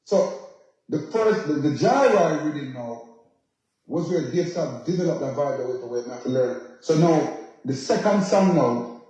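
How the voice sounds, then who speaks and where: A dancehall singer from Jamaica, who left as a youth, tells stories as a radio interview guest, slipping into patois and often checking that the listener understands. His voice is a little high, warm, lively in intonation and a little slow, in a very echoey, roomy recording.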